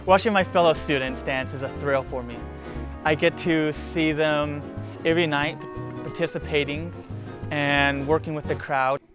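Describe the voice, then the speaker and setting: A man's voice: a little high, steady tone, normal speed. A young man from the Czech Republic, a student spotlight operator, speaks carefully in a documentary interview. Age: young adult. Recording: music bed under the voice.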